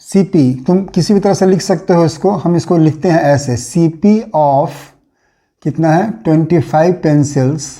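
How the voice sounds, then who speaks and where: High-pitched, mellow-voiced maths teacher. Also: male voice, a little slow. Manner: repetitive, patient step-by-step explaining. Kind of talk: classroom explanation.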